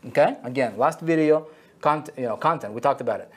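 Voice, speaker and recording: A man's voice: mid-range voice, a little fast, breathy edge. A man teaching an online marketing lesson at a whiteboard, checking in with listeners constantly and repeating key phrases for emphasis. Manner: checks in constantly with "okay?" and "right?".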